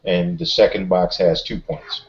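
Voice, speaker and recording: A man playing a tabletop game, talking casually and explaining moves and rules in a deliberate way. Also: low voice, little pitch movement, a little hiss or hum. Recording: dull, lo-fi sound.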